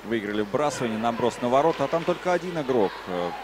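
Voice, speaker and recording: A man giving live hockey play-by-play in a conversational way, pausing between short phrases. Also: medium pitch, lively intonation, background noise. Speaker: hockey commentator.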